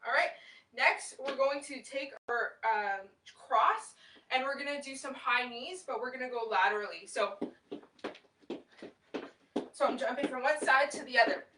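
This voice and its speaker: A woman's voice: high voice, normal speed, long pauses, noisy background. A young woman leading a home workout class, cueing exercises and counting reps with encouragement as she moves. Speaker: fitness instructor. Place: small room at home, indoors. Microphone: far camera across the room. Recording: roomy echo, distant camera mic.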